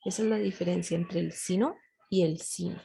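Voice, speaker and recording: A woman teaching a grammar lesson, slowly walking her class through each rule and checking they follow. Her voice is mellow and gravelly, with a husky edge. She speaks in a patient, explanatory way. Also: fairly low pitch, steady tone, low-quality recording. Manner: patient, often checks with a questioning tag.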